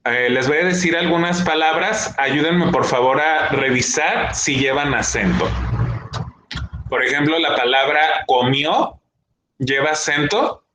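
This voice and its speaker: A young man teaches a class in a slow, patient way and keeps checking that his students follow. His voice is bright and clear. The room echoes, with faint ambient noise behind him. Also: a little high. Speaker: schoolteacher. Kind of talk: classroom lesson.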